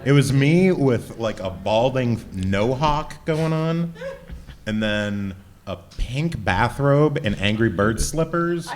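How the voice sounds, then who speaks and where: A mid-pitched man chimes in on a panel with joking asides. Clear background noise and clicking sounds are heard behind him. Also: lively intonation, slow pace.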